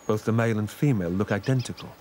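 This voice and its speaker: A man narrating a scripted nature documentary in a measured, informative way. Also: fairly low pitch, darkish tone, slight background noise.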